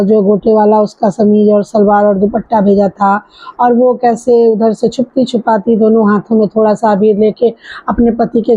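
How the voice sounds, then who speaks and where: Woman storyteller, higher voice with a breathy edge, informal retelling full of fillers, dull lo-fi sound. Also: dark tone. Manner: conversational, with frequent fillers and restarts. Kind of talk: casual spoken retelling of a story. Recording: dull lo-fi recording.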